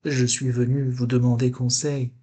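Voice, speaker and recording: A man voicing a tiny, timid and polite little man in a storybook, raising his voice to sound small and high. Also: level tone, moderate pace, warm tone, slightly rough, lightly acted.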